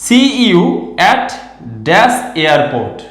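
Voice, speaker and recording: Male Bengali-accented teacher, slow, deliberate dictation, high voice. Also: sing-song, fairly bright tone. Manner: slow, dictating example sentences and asking questions. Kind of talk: grammar lesson. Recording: echoey room.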